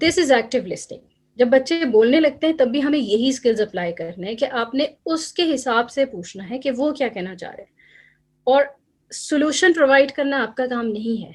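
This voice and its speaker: A woman's voice: high-pitched, lively intonation. A woman speaking at an online parenting seminar over a video call, mixing English phrases into her Urdu and acting out parents' remarks. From Pakistan. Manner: acts out parents' remarks in quotes. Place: home or office, online seminar. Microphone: computer mic on a video call.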